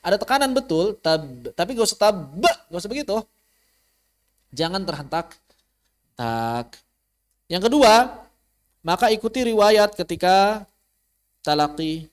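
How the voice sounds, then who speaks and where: A man's voice: high voice, animated. Man teaching Quran recitation rules. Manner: explains rules, then recites Quran verses slowly in a melodic chant; casual, repeats key points for emphasis. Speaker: tajwid teacher. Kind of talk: online recorded lesson.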